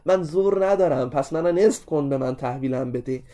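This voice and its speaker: A man's voice: on the high side, dark tone, lightly acted. A man voicing a small, meek inscribed angle who talks like a child and pleads with its arc. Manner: childlike, self-effacing.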